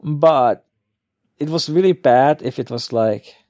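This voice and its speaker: A man's voice: medium pitch, slow pace, darkish tone, dry recording. A man giving casual, off-the-cuff commentary as a gamer, thinking aloud and often trailing off. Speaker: gamer opening card packs.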